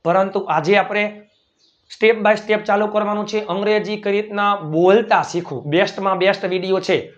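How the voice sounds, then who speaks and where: A man's voice: high voice, steady tone, moderate pace, dull audio. A man teaching a beginners' English lesson, spelling words letter by letter, repeating each word and often checking "right?".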